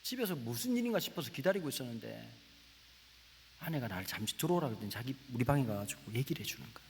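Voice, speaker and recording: Man, 40s, pastor preaching, animated storytelling, gravelly voice, long church reverb. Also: mid-range voice, quick pace. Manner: animated, acts out family dialogue, drops to whispers. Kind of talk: sermon with storytelling. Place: church sanctuary. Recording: echoey church hall with faint hiss.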